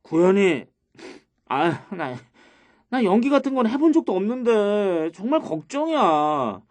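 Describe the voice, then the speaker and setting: A man's voice: high voice, sing-song, measured pace, darkish tone. A man voicing a nervous young male cartoon student who frets about acting in a play. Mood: worried. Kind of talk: educational cartoon dialogue.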